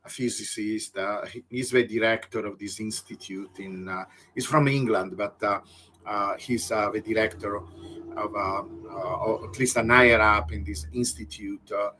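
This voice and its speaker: A man with an Italian accent, a guest explaining ideas in conversation, halting often with fillers and restarts. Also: fairly low pitch, fairly even intonation, bright, forceful tone, slight background noise. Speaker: guest physicist.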